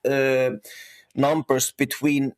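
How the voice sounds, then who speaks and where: A middle-aged Icelandic man speaking as a guest in a casual interview, pausing and restarting often as he explains. His voice sits at an ordinary pitch. The sound is dry and close, with almost no room. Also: flat delivery, no echo. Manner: halting, many restarts and fillers. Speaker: guest, horse breeder and national team coach.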